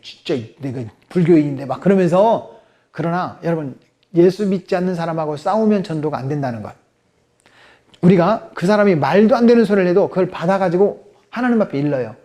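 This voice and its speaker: A man's voice: high-pitched, animated, a little fast, dark tone. A man in his forties, a guest pastor preaching at a church seminar, who tells stories, acts out dialogues and has the congregation repeat phrases. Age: 40s. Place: church sanctuary.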